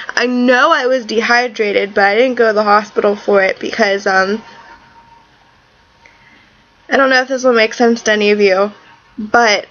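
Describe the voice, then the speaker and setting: Female vlogger, sore throat after tonsil surgery, slightly high voice, unhurried and blunt, exasperated emphasis. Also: a bit bright, muffled recording. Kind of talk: casual personal video diary.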